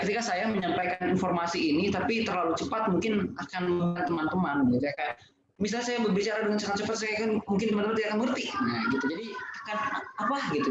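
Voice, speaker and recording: A man giving an online lesson on public speaking, explaining point by point with many fillers. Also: high voice. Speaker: webinar speaker. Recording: echoey, distant, dull and noisy.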